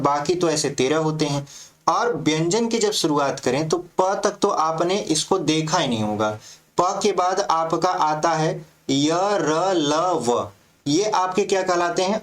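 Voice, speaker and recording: Hindi teacher asking and answering himself. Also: male voice, a little high. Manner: asks questions and answers them himself; spells out letters slowly. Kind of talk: exam-prep grammar lesson.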